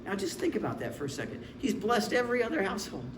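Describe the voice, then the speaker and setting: A man in his forties delivers a sermon in a relaxed, joking, storytelling manner, his voice sitting a little high. The sound is roomy and echoing, as in a church sanctuary, with a faint ambient hum behind him. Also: quick pace. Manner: conversational, humorous storytelling. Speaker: pastor. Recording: echoey room with faint ambience.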